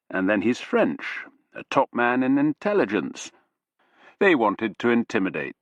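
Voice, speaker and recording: A man voicing a Corsican businessman in his fifties, with a Corsican accent and slow, deliberate explanations. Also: mid-range voice, a bit bright, no room sound, lo-fi sound.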